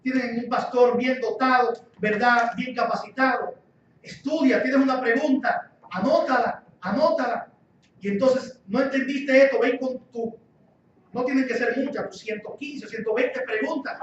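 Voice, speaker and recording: A man with a high voice preaches a sermon, pressing his points and repeating key phrases. He sounds far from the microphone, with heavy echo in a church hall and a dull, muffled tone. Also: unhurried, slight background noise. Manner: emphatic, repeats key phrases, rhetorical questions. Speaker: guest pastor. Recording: echoey church hall, distant dull mic.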